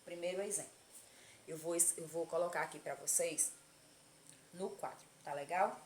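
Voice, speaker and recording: A woman's voice: lowish voice, moderate pace, roomy sound, slight background noise. A Brazilian woman, a primary school teacher, giving a casual video lesson to children and often checking in with her pupils. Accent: Brazilian Portuguese. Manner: affectionate, checks in often with "tá certo?".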